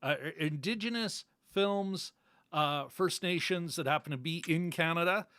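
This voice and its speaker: A man's voice: on the high side, measured pace, pushed and bright. A middle-aged man co-hosting a casual livestream, rambling through fillers and restarts as he signs off. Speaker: podcast co-host. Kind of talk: casual livestream sign-off chat.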